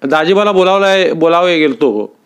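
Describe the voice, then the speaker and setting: A man's voice: fairly high pitch, normal speed, clear, resonant tone, voice pushed up, close to an everyday voice. A man voicing a timid young male household servant who speaks meekly and hesitantly. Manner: meek, hesitant.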